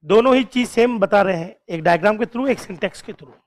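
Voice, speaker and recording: A man teaching a classroom lecture, drilling key points slowly, repeating them and quizzing students with questions while urging them on. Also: sits high. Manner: coaxing and encouraging toward students.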